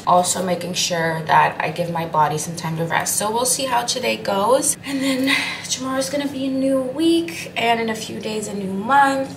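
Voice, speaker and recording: In her twenties and Dutch by first language, the vlogger speaks in a mid-range voice, chatty and candid, with plenty of "like" fillers. She records in her apartment's living room and kitchen on a distant tripod camera, so the sound has roomy echo and a noisy background.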